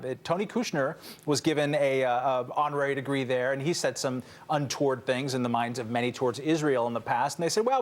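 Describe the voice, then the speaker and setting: A man speaking as a panelist in a televised discussion, making blunt, emphatic points. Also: medium pitch. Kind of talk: cable news panel talk.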